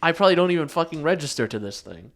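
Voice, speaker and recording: A man's voice: on the high side, very animated, racing, fairly bright tone. A young man co-hosting a podcast in casual chat, rambling and swearing, restarting his sentences. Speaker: podcast co-host.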